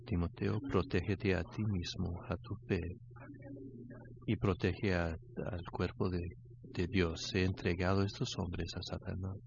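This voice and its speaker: An older man, a grandfather, preaching a sermon in a halting way, often repeating words as he goes. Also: low voice, little pitch movement, vocal fry. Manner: halting, repeats words, grows louder telling a story. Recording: dull lo-fi sound, faint background noise.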